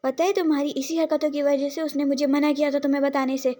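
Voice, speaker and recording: A woman's voice: high voice, level tone, fast, mellow, close to an everyday voice. Faryal, a woman voicing a fiery scolding young woman. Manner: scolding, demanding answers. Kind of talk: storybook role reading.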